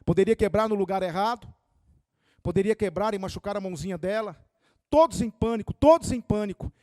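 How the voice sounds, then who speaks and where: A male preacher delivers a sermon with fervor, swinging between loud surges and quiet pleas. His voice sits high for a man. The sound is close and dry. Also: a little fast, dry recording. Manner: impassioned, rising and falling dynamics. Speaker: pastor.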